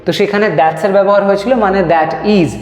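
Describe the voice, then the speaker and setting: A man's voice: high-pitched, fairly even intonation, darkish tone. Man teaching English in an echoey room. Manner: slow, drawn-out dictation of example sentences. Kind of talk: spoken English lesson. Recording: echoey room with long reverb.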